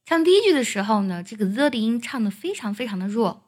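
Woman teacher going over a song line by line, bit high voice, sings bits slowly. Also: big pitch swings, a little mellow, slightly rough. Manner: explains pronunciation, then sings demo phrases. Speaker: English singing teacher. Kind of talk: song lesson, explaining then singing lines slowly.

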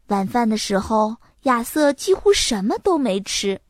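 A woman narrating a children's storybook in a clear, expressive, even manner. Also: on the high side, unhurried, no room sound, studio quality.

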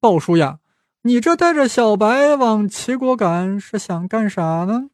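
A man voicing a cunning advisor feigning calm. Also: sits high, measured pace, dry recording, studio quality, pitched above the performer's own voice. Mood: needling. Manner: falsely composed, needling.

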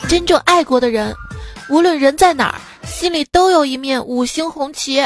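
A woman's voice: sits high, normal speed, music in the background. A woman hosting a comedy radio show, reading jokes in a playful, teasing way and acting out the characters' lines. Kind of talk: comic joke reading.

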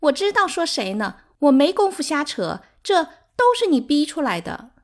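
A shrieking, sobbing concubine. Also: female voice, big pitch swings, normal speed. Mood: shrill furious. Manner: shrill, screaming and sobbing. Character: hysterical wailing concubine, woman, sobbing, desperate.

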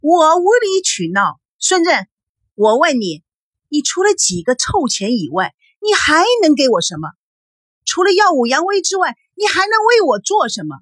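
A woman's voice: medium pitch, big pitch swings, normal speed, slightly rough, dry recording, studio quality, heavily acted. A woman voicing a quarrelsome middle-aged mother who scolds her husband sharply. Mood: quarrelling. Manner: sharp, scolding, rising outbursts.

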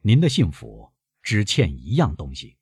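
A man's voice: low voice, huge pitch swings, unhurried, creaky, a little mellow, husky, no echo, studio quality, heavily acted. A man playing a suave, probing count. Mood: courteous. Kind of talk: audiobook character reading.

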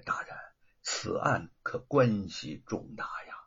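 A man doing a sly, hushed scheming official. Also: animated, takes it slowly, creaky, slightly rough, dull audio, exaggerated voice. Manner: low, hushed insinuating tone.

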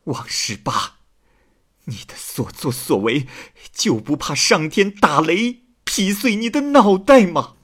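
Guy doing a shrill angry wife yelling, high strained pitch, dragged-out words, storybook telling. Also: sing-song, heavily acted. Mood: furious. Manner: shrill, shouting, drawn-out.

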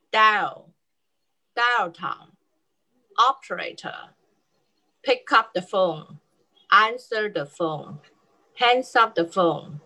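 Slow careful woman student. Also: mid-range voice, bright, forceful tone, poor audio. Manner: slow, careful reading of words. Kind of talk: repeating vocabulary words. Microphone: joining an online call.

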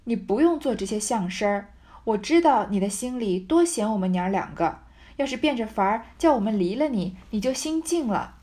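A woman's voice: fairly high pitch, animated, a little fast, warm tone, close to an everyday voice. Woman reading out a young lady's lines, proud and a bit tearful, clipped and reproachful. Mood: scornful. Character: proud young lady, tearful but sharp-tongued.

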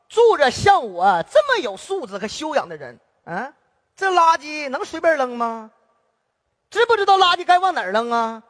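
Brash, mock-outraged Northeastern scold played by a woman, high with lively pitch swings. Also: in a large hall. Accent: Northeastern Chinese. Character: brash hot-tempered quarrelsome woman. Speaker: errenzhuan comic performer. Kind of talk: stage comedy sketch.

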